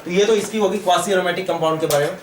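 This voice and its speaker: A man with an Indian accent gives a whiteboard chemistry lecture, posing questions, answering them himself and repeating key terms. His voice is high-pitched and racing. The room echoes, the mic is distant, and there's slight background noise.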